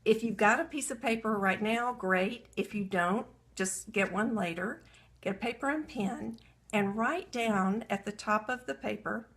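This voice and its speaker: A woman's voice: medium pitch, a little slow, a bit bright. A woman coaching women entrepreneurs in a live video talk. She is earnest and self-reflective, and walks listeners through a writing exercise while reading aloud from her journal.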